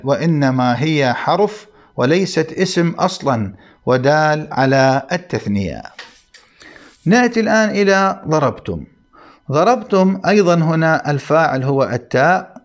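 Methodical male grammar teacher. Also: fairly high pitch. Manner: methodical, repeats key terms for emphasis. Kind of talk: explanatory lesson.

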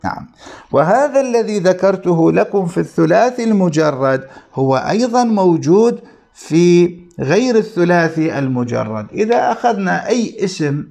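A man teaching Arabic grammar in a lecture, explaining slowly and repeating key terms to his students. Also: sits high, lively intonation, creaky, a little mellow. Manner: slow, deliberate explaining with repetition, addressing students. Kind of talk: classroom lecture.

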